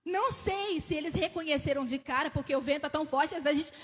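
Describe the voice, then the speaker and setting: A woman with a Brazilian Portuguese accent preaching a sermon in a church, telling the story with animated rises and questions to the congregation. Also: high-pitched, fast. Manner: laughs between phrases. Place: church sanctuary. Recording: church hall with long reverb.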